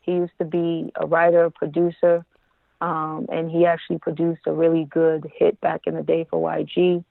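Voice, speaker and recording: Calm, even-toned woman on a tinny line. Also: sits low, normal speed, gravelly, no room sound. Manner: calm, even, self-described monotone. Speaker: guest, music marketer. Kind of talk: casual interview chat.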